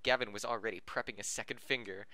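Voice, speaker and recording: Giggling and tripping over words, this podcast host reads fan fiction aloud at a fast clip, frequently breaking up and restarting phrases in an amateur way. His voice is on the low side yet bright and forward, with fairly even intonation and no echo.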